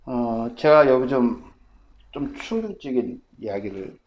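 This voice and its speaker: Male pastor, sermon delivery: lively, swooping preacher's voice, emphatic rhetorical questions, dull muffled recording. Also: mid-range voice, slow.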